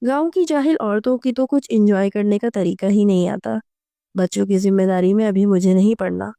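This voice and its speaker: A woman's voice: mid-range voice, creaky, dark tone, no echo, natural voice. A woman voicing a cruel, hot-tempered young husband who scolds harshly, in a dry audio story. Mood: scornful.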